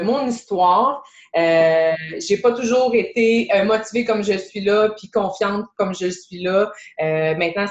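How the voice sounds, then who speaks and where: A chatty woman in her thirties with a Québécois accent speaks on a live video call as a fitness coach, her voice a touch low. She rambles casually with plenty of "euh"s and restarts. The sound is roomy and a little dull, like a lo-fi webcam mic. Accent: Québécois French.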